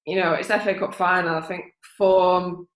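A woman footballer, a podcast guest, chatting in a relaxed way and thinking aloud. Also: on the low side, moderate pace, echoey room, poor audio. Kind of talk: casual podcast chat.

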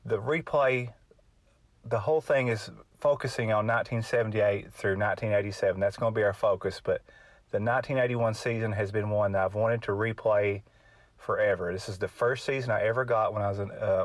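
Male podcast host, middle-aged, Kentucky Appalachian drawl, lowish voice, dry close sound, informal and unpolished delivery. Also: steady tone, fairly quick, no echo. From Kentucky, United States. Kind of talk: casual solo podcast chat.

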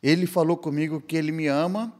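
An Indian man, a missionary guest on a podcast, gives a personal testimony in simple, slightly broken Portuguese. His voice sits on the high side, with a steady, a little mellow tone, and he talks fast as he earnestly tells his story.

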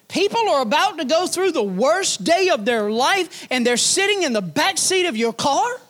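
Folksy pastor preaching. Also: male voice, extremely high pitch. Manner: folksy, animated preaching with rising emphatic repetition. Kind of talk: sermon.

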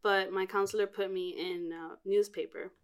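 A woman's voice: medium pitch, steady tone, moderate pace, clear, resonant tone. Chatty young woman, rambling with fillers. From Miami, born in Cuba. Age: 20s. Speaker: podcast guest, art director. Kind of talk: casual chat.

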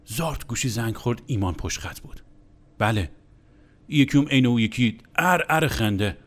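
A man's voice: medium pitch, expressive. Crude, exasperated male storyteller. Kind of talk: comic spoken anecdote.

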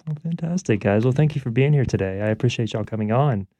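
A man's voice: mid-range voice, fast, no echo, muffled recording. Laid-back man hosting an interview. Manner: relaxed, easygoing, frequent "uh" fillers. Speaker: radio show host. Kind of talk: conversational interview.

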